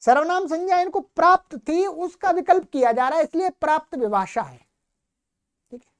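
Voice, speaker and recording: A woman's voice: very high voice, normal speed. A woman teaching Sanskrit grammar in a recorded lecture, explaining patiently and often asking a question before she answers it herself.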